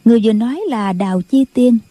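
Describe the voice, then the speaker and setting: Female audiobook narrator, dark husky voice, steady delivery. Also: on the high side, fast talker, no echo. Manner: steady storytelling. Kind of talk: scripted novel narration.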